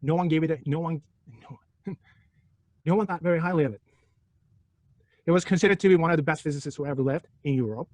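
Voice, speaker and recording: Speaking fast in a voice a little high yet darkish in tone, a Turkish man teaches a physics class. He jokes, goads, and peppers students with rhetorical questions, recorded dry with no echo from the room.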